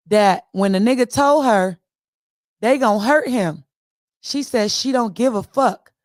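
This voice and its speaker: A young woman from Los Angeles, speaking with that city's accent in a fairly high voice, hosts an online audio room. Her heated, casual commentary is blunt, profane, and mocking. The recording is dry and studio quality.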